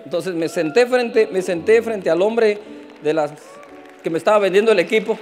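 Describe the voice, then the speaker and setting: Man, pastor, sermon storytelling, high-pitched, animated, faint background music. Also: normal speed, big-room sound. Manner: animated, acts out dialogue with sharp pitch jumps.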